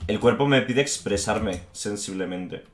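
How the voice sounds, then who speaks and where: A man's voice: fairly low pitch, a little slow, echoey room, soft background music. A man from Spain commentating his strategy game with frequent swearing and repeated "tío", speaking in a frustrated, fed-up manner. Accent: Spain Spanish. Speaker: gaming YouTuber. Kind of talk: gameplay commentary.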